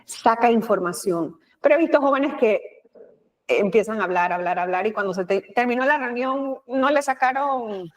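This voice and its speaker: Animated Panamanian woman guest. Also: on the high side, normal speed. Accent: Panamanian Spanish. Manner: animated, expressive, with frequent filler words and quoted asides. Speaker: guest, communication expert. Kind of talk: conversational interview.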